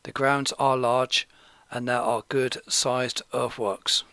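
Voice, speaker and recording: A man from Gloucestershire, England, giving scripted documentary narration in a steady, measured, informative way. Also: medium pitch, clear, resonant tone, no echo.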